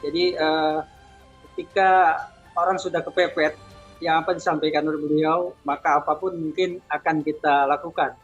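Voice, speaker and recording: A man's voice: on the high side, level tone, moderate pace, husky, muffled recording, faint music behind. A man hosting an event, wrapping up after a speaker in a loose, hesitant way with fillers. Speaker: event host. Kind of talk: closing remarks at an online event.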